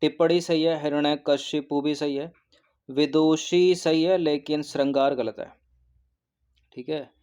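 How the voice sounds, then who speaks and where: A man giving a recorded exam-prep lesson who explains each answer and repeats words slowly, often adding a quick "okay". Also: fairly high pitch, fairly even intonation, a little mellow, clear, resonant tone. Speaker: exam coaching teacher.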